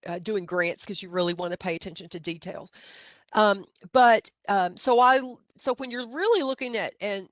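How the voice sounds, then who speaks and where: A woman's voice: mid-range voice, no echo. Middle-aged Tennessee woman presenting, dry close sound. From Middle Tennessee, United States. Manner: hesitant, self-deprecating, folksy. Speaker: university grant budget specialist, presenter. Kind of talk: informal training presentation.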